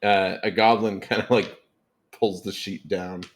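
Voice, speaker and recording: A man's voice: low-pitched, steady tone, unhurried. Man running a casual tabletop game. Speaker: game master.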